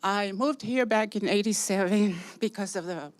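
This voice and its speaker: A woman's voice: mid-range voice, normal speed, no room sound. An older woman from San Francisco giving a rambling, chatty public comment at a city meeting, laughing between points.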